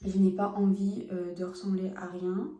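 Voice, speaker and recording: Level in tone and moderate in pace, a young woman's mellow mid-range voice carries some reverb. She's recording a casual makeup test vlog at home on a phone camera, applying products and talking chattily and frankly to her viewers.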